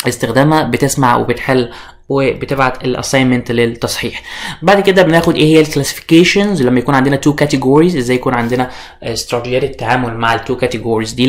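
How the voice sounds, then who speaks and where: A young man with a mid-range voice and an Egyptian Arabic accent introduces an online IELTS course as its instructor. He mixes English terms into his Arabic and uses frequent fillers and restarts.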